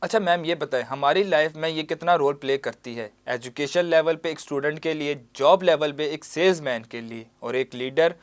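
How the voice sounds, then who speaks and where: A man's voice: fairly high pitch, normal speed, hardly any pauses. A male news host runs a studio interview. He greets his guest formally and asks his questions in a composed, businesslike way. Between her answers he adds brief words of agreement. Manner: formal greeting, short affirmations.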